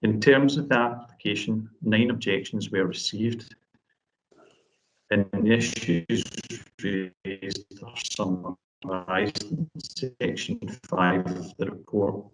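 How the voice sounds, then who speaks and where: A man's voice: on the low side, fairly even intonation, distant mic, a little hiss or hum, poor audio. A man, a planning officer, gives a formal report at an online meeting, his audio choppy and breaking up over a failing video-call stream. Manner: measured, formal and procedural.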